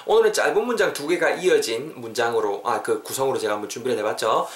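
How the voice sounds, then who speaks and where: A man, teaching English on a casual podcast and repeating example phrases slowly and clearly. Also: medium pitch, expressive, echoey room.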